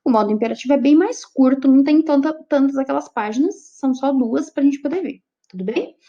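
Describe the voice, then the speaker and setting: A woman's voice: high voice, fairly quick, warm tone. A Brazilian woman teaching an online class. She explains step by step and keeps checking in with her students. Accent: Brazilian Portuguese. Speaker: Portuguese teacher. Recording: dull lo-fi recording.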